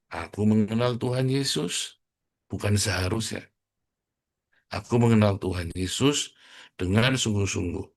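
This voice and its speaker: Calling his congregation brothers and sisters, a middle-aged pastor delivers a sermon that is blunt, provocative, and laced with jokes. He speaks in a fairly low pitch with vocal fry.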